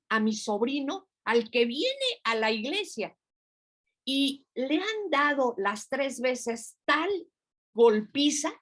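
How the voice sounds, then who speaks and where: A woman's voice: fairly high pitch, fairly bright tone. An older woman pastor, preaching in a conversational way and acting out prayers and dialogue. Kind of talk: informal sermon.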